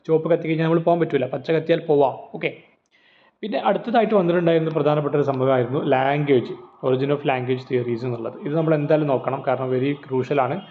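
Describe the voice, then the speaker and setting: Man, teacher, rapid delivery, tinny phone-quality audio, exam-prep lecture. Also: a little high. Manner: explains with rhetorical questions and everyday examples.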